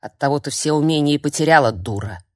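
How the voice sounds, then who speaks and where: A woman reading an audiobook, voicing a cantankerous, half-blind old hag who scolds and jeers in a high, strained voice. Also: darkish tone, no room sound, studio quality, natural voice. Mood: scornful. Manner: shrill, scolding, drawn-out jeers.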